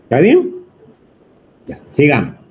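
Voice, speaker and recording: A man's voice: fairly high pitch, wildly swooping pitch, takes it slowly, a little mellow, a little hiss or hum. A man teaching an electronics class, talking at length and teasing his students. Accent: Peruvian Spanish. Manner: chatty, teasing, asks the class constantly. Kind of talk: whiteboard lecture.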